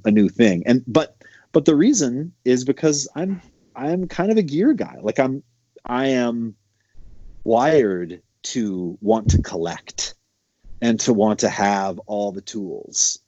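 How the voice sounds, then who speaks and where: A man in his thirties from Montana, a bass player talking loosely with lots of fillers. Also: dark tone, no echo, highs cut off. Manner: loose, rambling storytelling with many fillers. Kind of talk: casual conversation.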